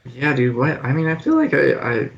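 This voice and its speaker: A man's voice: mid-range voice, wildly swooping pitch, moderate pace, vocal fry, highs cut off. A young man co-hosting a casual podcast chat, easygoing and agreeable, who trails off into fillers. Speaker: podcast co-host.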